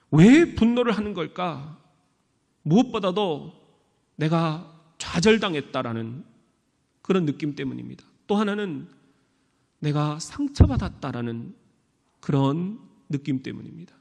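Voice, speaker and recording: Emphatic Korean pastor with high bursts. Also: male voice, creaky, a little mellow. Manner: emphatic, rising to high bursts on key words. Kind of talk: sermon. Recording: long hall reverb.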